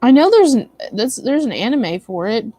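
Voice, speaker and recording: A woman's voice: fairly high pitch, very animated, normal speed, dark tone, husky, dry recording. A tired young woman chatting casually with her stream viewers, rambling with many likes and ums. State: tired, yawning. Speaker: livestream host.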